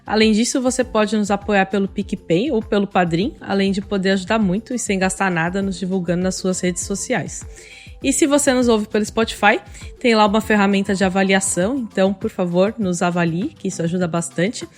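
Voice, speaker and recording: A Brazilian woman in her thirties opens and hosts a podcast episode. Her voice sits at a middle pitch, and she reads her script at a steady, even pace. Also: brisk, faint music behind. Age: 30s. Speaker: podcast host.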